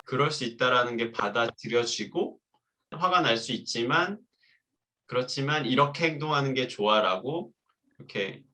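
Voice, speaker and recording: A man's voice: mid-range voice, pushed and bright. A man talking reflectively about parenting, sometimes acting out what he said to his child. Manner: reflective, acts out quoted lines. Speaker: host. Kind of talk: casual parenting talk.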